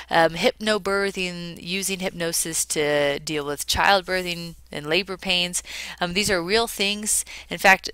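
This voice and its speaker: A woman's voice: on the low side, bright, forceful tone, smooth, no echo, rough recording. A woman giving a conversational slide lecture, explaining informally like a psychology teacher.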